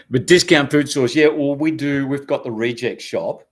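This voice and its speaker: An older Australian man, a former radio presenter, chatting casually on a live stream, reading out viewer comments in a relaxed, rambling, self-deprecating way. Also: medium pitch, a little slow.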